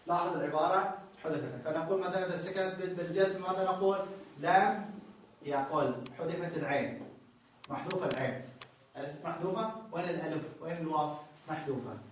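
A man's voice: fairly high pitch, fast talker, recorded from a distance. A male grammar teacher, explaining a text to a class and repeating key phrases so students notice them. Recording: very echoey room, voice from off-mic.

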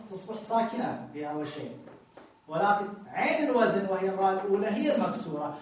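A man's voice: sits high, far from the mic. A man teaching a grammar lesson, patiently repeating each point and reading passages aloud from a text. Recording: very echoey room, voice from off the mic.

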